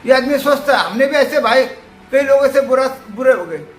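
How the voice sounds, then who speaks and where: Male commentator, high-pitched voice, emphatic moralizing storyteller, echoey room. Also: animated, normal speed, a little hiss or hum. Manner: emphatic, preachy, storytelling with acted quotes. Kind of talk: casual moralizing monologue.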